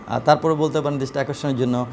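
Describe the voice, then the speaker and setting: A man gives an English lesson in a mid-range voice. He reads each example phrase slowly and carefully and fills his pauses with "uh". A faint background hiss runs under the recording. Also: medium pitch, steady tone, a little mellow. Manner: slow, deliberate reading of example phrases with frequent "uh" fillers. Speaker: English teacher.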